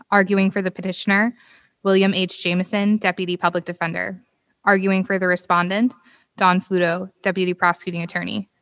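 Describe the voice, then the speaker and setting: Flat-toned female court clerk. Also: medium pitch, no room sound. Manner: measured, item-by-item reading. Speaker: court clerk calling a case. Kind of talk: formal scripted announcement.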